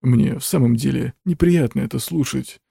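A man's voice: mid-range voice, normal speed, vocal fry, dark tone, breathy edge, no room sound, clean studio sound. Man playing a nervous, pleading undertaker. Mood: dismissive. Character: frightened middle-aged male undertaker.

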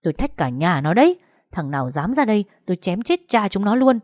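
A woman voicing a hot-headed young husband who shouts threats in a furious temper. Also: mid-range voice, sing-song, fairly quick, no room sound, clean studio sound, close to an everyday voice.

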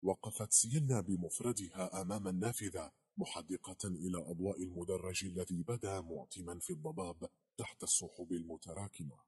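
Deep-voiced guy narrating a novel, breathy husky tone, steady reading. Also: brisk, hardly any pauses. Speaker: audiobook narrator.

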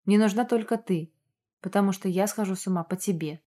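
A woman's voice: medium pitch, a little fast, mellow, natural voice. A woman reading an obsessive werewolf man. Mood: pleading, obsessive. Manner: growling, insistent, possessive. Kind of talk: audiobook character voicing.

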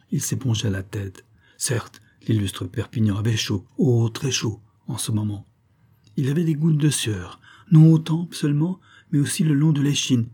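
A man's voice: on the low side, dark tone, breathy edge. A man giving a scripted audiobook narration with dramatic storytelling.

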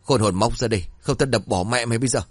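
A man voicing a drunk, violent middle-aged father who shouts crude demands and threats. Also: on the low side, expressive, a little fast, no room sound. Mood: drunk angry.

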